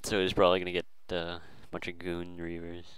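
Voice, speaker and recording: A man's voice: low voice, completely flat delivery, brisk, a bit bright, clean tone, no room sound, low-quality recording. A man casually commentating a strategy game, hesitant and full of fillers and restarts.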